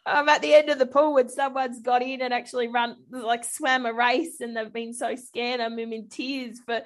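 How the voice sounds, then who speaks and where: A woman in her thirties hosts a relaxed chat in a notably high voice. She talks with open emotion and laughs easily between thoughts. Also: moderate pace. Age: 30s. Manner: warm, emotional, laughs often. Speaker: podcast host. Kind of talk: casual conversational interview.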